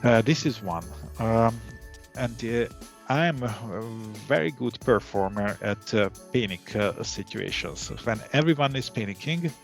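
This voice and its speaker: A middle-aged man from Hungary, calmly answering interview questions, with many fillers and restarts. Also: medium pitch, unhurried, vocal fry, soft background music. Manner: calm. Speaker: interview guest, data analytics head.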